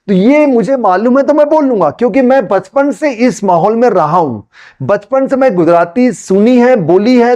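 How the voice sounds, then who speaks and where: A man from Gujarat with a Gujarati accent, a native Gujarati speaker, teaching spoken English in a relaxed conversational way and slowly repeating example sentences. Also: sits high. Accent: Gujarati-accented Hindi. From Gujarat, India.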